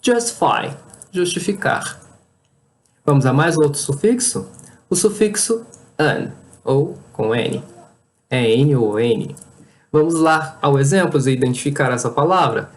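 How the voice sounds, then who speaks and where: A patient teacher explains a language lesson. The pace is slow and unhurried, with a very lively pitch. Each word in a list gets its own clear beat. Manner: spells out word lists one word at a time. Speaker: English teacher.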